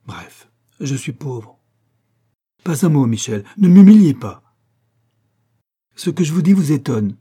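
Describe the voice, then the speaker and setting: A man's voice: medium pitch, big pitch swings, a little slow, warm tone, breathy edge, voice pushed up. A man reading aloud, voicing a proud, poor young captain in an impassioned, declamatory way. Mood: earnest confession.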